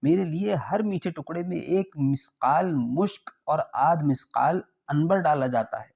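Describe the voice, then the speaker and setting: A man's voice: a little high, vocal fry, darkish tone. A man voicing a lavish, mocking rich host who insistently presses food on his guest. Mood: coaxing. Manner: insistent, coaxing.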